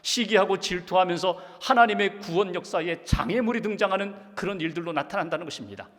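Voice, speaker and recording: Man preaching a sermon, high voice that jumps all over, lots of rhetorical questions, big church reverb. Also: quick pace, a bit bright. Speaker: pastor. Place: church sanctuary. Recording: long reverb of a church sanctuary.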